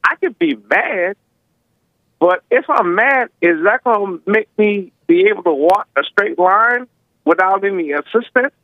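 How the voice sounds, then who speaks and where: A higher-voiced man phones in to a talk show over a narrow, tinny line. His words are slightly slurred with slushy s sounds, and he talks casually, repeating words as he goes. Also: lively intonation, unhurried, no echo.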